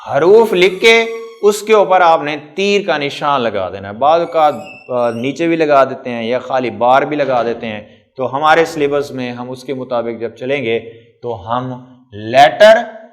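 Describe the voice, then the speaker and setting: A man's voice: medium pitch, unhurried. A middle-aged man teaching a physics class. He asks the class questions, answers them himself, and stretches out key terms. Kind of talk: classroom lecture.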